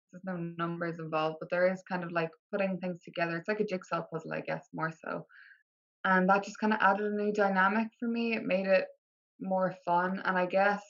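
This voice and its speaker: A woman's voice: medium pitch, a bit bright. Irish woman, casual, slightly dull audio. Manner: informal, hedging with "kinda" and "like". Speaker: translator, interview guest. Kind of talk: casual interview conversation.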